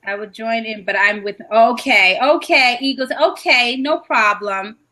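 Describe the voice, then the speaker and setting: A woman with a high, bright voice co-hosts a casual live video chat over a call. She talks in quick bursts with plenty of restarts and keeps things moving around connection trouble. She is from New York. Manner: chatty, restarts often, coping with connection trouble.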